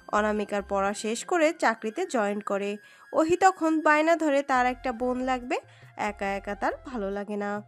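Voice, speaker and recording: A woman narrates a romantic story with an expressive, dramatic reading. Her voice sits high, and soft music plays underneath. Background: soft background music.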